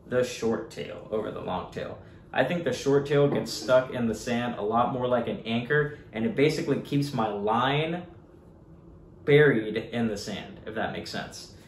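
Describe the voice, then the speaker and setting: Unboxing gear at the desk of his small home office, a young surf fishing guide and channel host talks to his viewers in an easygoing, chatty vlog style, addressing them as guys. He speaks a little slowly at medium pitch, in an echoey room with a faint hiss.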